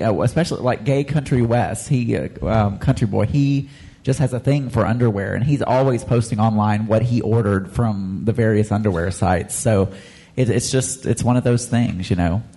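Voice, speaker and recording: A man's voice: mid-range voice, moderate pace, dark tone. A man co-hosting a podcast, chatting casually with giggly asides. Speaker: podcast co-host. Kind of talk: casual chat.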